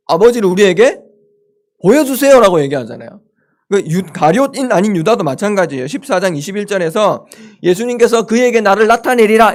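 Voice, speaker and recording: A man giving a chapel sermon to a live audience, animated, joking with listeners and acting out the disciples' questions. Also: a little high. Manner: animated, acts out the disciples' questions in lively voices; jokes with the audience. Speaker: campus ministry speaker.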